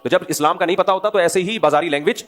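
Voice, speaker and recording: Animated man preaching in Pakistani Urdu. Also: soft background music. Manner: animated preaching, swings between loud emphatic rhetorical questions and low asides. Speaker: Islamic scholar giving a lecture. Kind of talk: religious lecture to a live audience.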